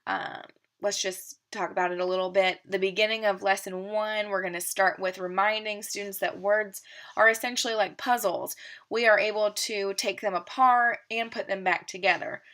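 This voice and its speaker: A woman teacher explaining a literacy lesson plan step by step, steady and methodical, with occasional fillers. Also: medium pitch.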